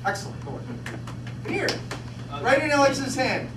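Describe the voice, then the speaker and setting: A man's voice: extremely high pitch, huge pitch swings, moderate pace. A man teaching physics to a class, asking lots of questions and repeating words as he demonstrates. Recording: echoey classroom, distant mic, background noise.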